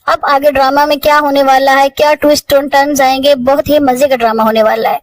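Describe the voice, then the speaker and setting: A woman with a high voice retells a drama's plot in easy, everyday speech. She moves from scene to scene in a plain storytelling tone and now and then stumbles and restarts a word. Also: little pitch movement, no room sound, rough recording. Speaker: drama recap narrator. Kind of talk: casual spoken plot recap.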